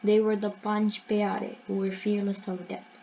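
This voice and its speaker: A woman's voice: medium pitch, monotone, a little slow, creaky, mellow, dull audio, slight background noise. A woman hosting her own channel, retelling a religious story in an earnest, explanatory way and often correcting herself mid-sentence. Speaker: channel host.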